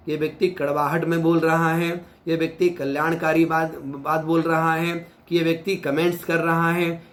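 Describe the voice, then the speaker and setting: A man giving a devotional sermon as a pandit, speaking in a slow, measured, preacherly way with stressed pauses. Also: fairly high pitch. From India. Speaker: pandit giving a religious discourse.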